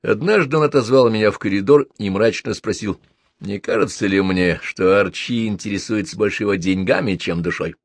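A man narrating a first-person novel in a measured, wry manner. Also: fairly low pitch, no echo. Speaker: audiobook reader.

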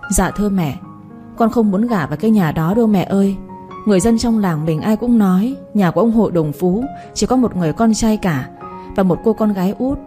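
A woman voicing a gentle twenty-year-old daughter who pleads tearfully in a storybook reading. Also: medium pitch, fairly quick, faint music behind, natural voice. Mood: pleading.

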